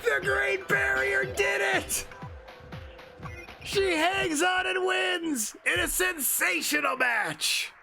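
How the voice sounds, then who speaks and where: A man putting on the voice of an excited wrestling play-by-play announcer, booming out the match calls. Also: slow, creaky, soft background music, heavily acted. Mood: hyped.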